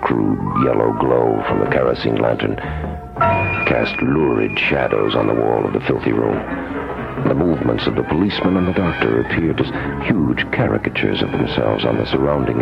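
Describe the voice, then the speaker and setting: Ominous radio horror narrator, bottomless gravelly bass, dramatic lingering delivery, loud music behind. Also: male voice, full character voice. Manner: slow, dramatic, lingering on words. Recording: dull lo-fi radio broadcast.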